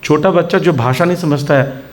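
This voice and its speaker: A man's voice: fairly high pitch, fairly quick. An Indian man giving a Hindi sermon at a temple preaching centre, mixing in English words and acting out scolding examples.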